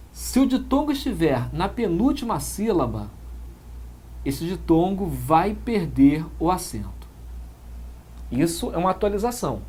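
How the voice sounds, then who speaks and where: Male grammar teacher with a Brazilian accent; unhurried, animated delivery, measured step-by-step explaining. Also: a little high, breathy edge. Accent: Brazilian Portuguese. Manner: measured explaining, frequent tag questions. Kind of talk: exam-prep lecture.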